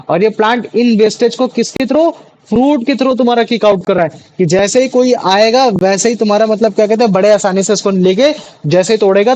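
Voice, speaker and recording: Brief: male tutor, high pitch, chatty, keeps quizzing students, mix. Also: a little mellow, rough recording. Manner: chatty, repeats questions to students, many fillers. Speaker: teacher. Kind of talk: classroom biology lesson.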